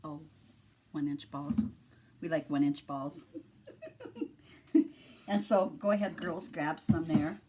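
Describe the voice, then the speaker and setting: Chatty Midwestern mom showing a recipe. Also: female voice, sits low, takes it slowly, long pauses, mellow. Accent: Upper Midwest American. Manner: chatty and laughing, explaining steps. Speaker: home cooking show host, mother. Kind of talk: casual cooking demonstration.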